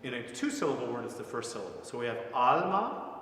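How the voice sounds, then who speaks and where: A man's voice: medium pitch, very fast, gravelly. Man teaching voice in an echoey hall. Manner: conversational, often checks in with "right?". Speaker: voice teacher leading a masterclass. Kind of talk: masterclass teaching. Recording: echoey hall with long reverb, faint noise.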